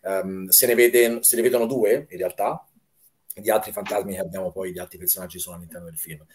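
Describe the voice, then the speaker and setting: A man with a fairly low voice talks eagerly as a guest on a live stream. He keeps restarting words in his rush to explain. The sound comes through a video call. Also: fairly even intonation, a little fast. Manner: talkative, enthusiastic, often restarts words. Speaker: fan film maker, guest. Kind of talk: casual live-stream interview.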